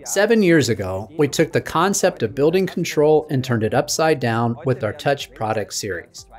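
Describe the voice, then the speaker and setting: Male presenter, 30s, polished keynote delivery, mid-pitched voice, light music under. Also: lively intonation, normal speed. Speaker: product presenter. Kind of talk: scripted product keynote. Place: studio stage with dark backdrop.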